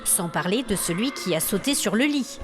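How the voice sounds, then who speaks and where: In an acted audio fiction monologue, a woman voices a haughty, exasperated hotel guest complaining about ghosts. Her voice is medium-pitched, expressive and close to everyday speech, moving at a moderate pace over background music. She sounds indignant and demanding, with an aggrieved, haughty manner.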